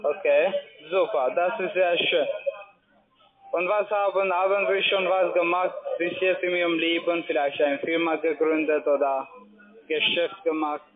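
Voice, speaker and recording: A man with a high voice calls on the phone for an argumentative sales pitch, insistent and questioning, with non-native phrasing. His pitch barely moves and he doesn't rush. The tinny line picks up a noisy office crowd, with loud chatter and music behind him.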